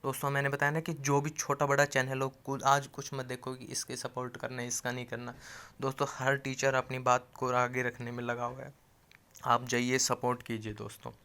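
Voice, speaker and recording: A man's voice: medium pitch, monotone, normal speed, pushed and bright, smooth. A man hosting a video channel, rallying viewers in a casual direct appeal. He is insistent, keeps calling them friends, and often restarts or trails off mid-phrase. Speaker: YouTube channel host addressing job aspirants.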